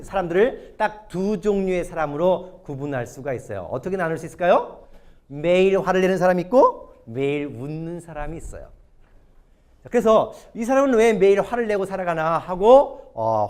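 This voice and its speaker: Animated Korean pastor lecturing. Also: male voice, on the high side. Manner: animated, asks the audience questions. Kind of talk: lively sermon lecture. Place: church or hall lecture before an audience.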